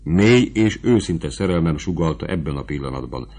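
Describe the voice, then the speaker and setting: A man's voice: rumbling low, animated, mellow. A man reading as a passionate lovesick young prince.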